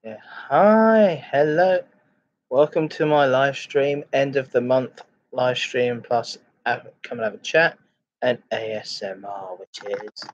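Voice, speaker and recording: Chatting casually on his chat and ASMR livestream, a male streamer greets viewers and reads comments in an unhurried, halting manner, repeating phrases as he goes. His mic is muffled and lo-fi, with a dull sound and a little hiss or hum.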